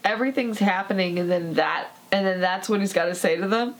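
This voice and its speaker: A woman co-hosting a casual podcast, her voice sitting in a typical middle range. She chimes in with brief reactions and easygoing remarks about the film. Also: medium pitch. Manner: quick agreeing interjections. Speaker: podcast co-host. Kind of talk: casual chat about a movie.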